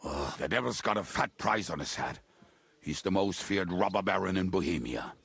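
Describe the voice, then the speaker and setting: Casting: blackout-drunk medieval henchman in a game, gravelly and bitter, with big swings in pitch. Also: expressive, normal speed, fairly bright tone, no room sound, heavily acted. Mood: grim. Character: drunken, gruff, bitter male robber and henchman. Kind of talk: video game dialogue acting.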